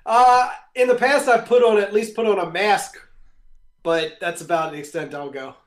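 A man's voice: high voice, steady tone, normal speed. A man co-hosting a sports podcast with short, dry remarks. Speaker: podcast co-host. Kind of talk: casual chat.

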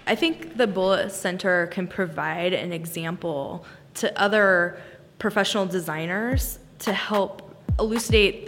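A woman's voice: on the low side, long reverb tail. A woman university researcher answering interview questions in a thoughtful, formal way.

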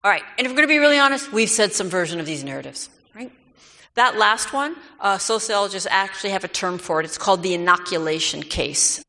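A woman giving a lecture to a live audience, animated and mocking as she acts out quoted lines. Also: medium pitch, quick pace. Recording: long reverb of a lecture hall.

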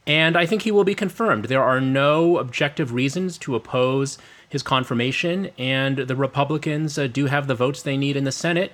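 A man giving measured commentary as an interview guest. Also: mid-range voice, fairly bright tone. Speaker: legal commentator, podcast guest.

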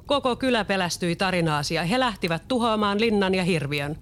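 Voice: mid-range voice, lively intonation, fairly bright tone, pitched above the performer's own voice, close to an everyday voice. A reader voicing a blunt, jealous eldest sibling in a storybook. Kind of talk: storybook reading.

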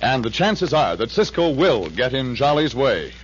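Male announcer, old radio show sound: animated, polished delivery, muffled lo-fi tone, organ music behind. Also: medium pitch, moderate pace. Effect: old radio show broadcast sound. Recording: dull lo-fi vintage radio broadcast with organ music.

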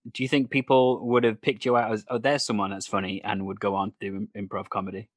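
A man's voice: on the low side, flat delivery, quick pace, no room sound, studio quality. A man hosting a casual interview, chatting and asking questions. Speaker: interview host, improviser.

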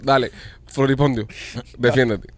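A man's voice: mid-range voice, fairly even intonation, measured pace, no room sound. A man, hosting a casual talk show and reading ads in a brash, joking salesman way. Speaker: podcast host. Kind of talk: casual chat with live ad reads.

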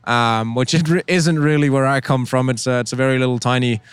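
A young man from Denmark, a racing driver, answering interview questions in a halting way with many repeated words and ums; his first language is Danish. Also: medium pitch, fairly even intonation, clear, resonant tone, dry recording.

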